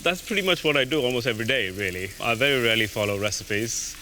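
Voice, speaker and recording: A man from London chats cheerfully while he cooks in a studio kitchen. Loud frying and sizzling fill the space around his middle-pitched voice. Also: fast talker. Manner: cheerful, laughs often. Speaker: contestant. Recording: sizzling kitchen noise behind.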